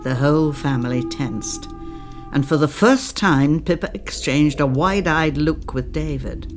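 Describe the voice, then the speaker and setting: Male audiobook narrator, slow and calm, measured reading. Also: fairly high pitch, faint music behind. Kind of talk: scripted narration.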